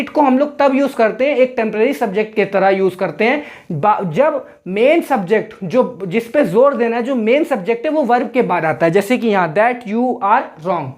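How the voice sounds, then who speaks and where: A woman teaching an online English grammar lesson, explaining patiently and repeating herself, and slowing right down whenever she reads out an example sentence. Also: on the high side, darkish tone.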